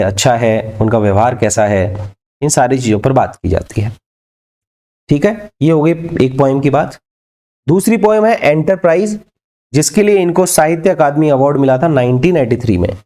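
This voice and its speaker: A man teaches an exam-prep literature class in a mellow, dark voice at an ordinary pitch. He mixes Hindi with English, poses questions and answers them himself, and slows right down to dictate English lines. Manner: asks and answers his own questions.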